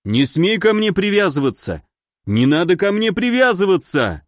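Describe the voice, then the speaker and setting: A man voicing a burly, panicky man who pleads and protests in a drawn-out, whining way. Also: high voice, sing-song, dry recording, studio quality, pitched above the performer's own voice. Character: panicky big burly man, whiny and stubborn. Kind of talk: audiobook character voice.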